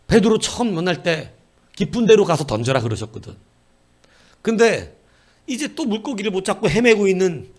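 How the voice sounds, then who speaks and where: Animated male pastor preaching. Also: sits high. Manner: animated, storytelling with jokes and acted voices. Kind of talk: sermon. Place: church.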